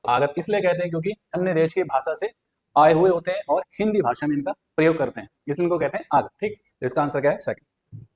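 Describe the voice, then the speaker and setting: Man, teacher, exam prep lesson, step-by-step explanations, slightly high voice. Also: quick pace, darkish tone. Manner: explains step by step with repeated fillers.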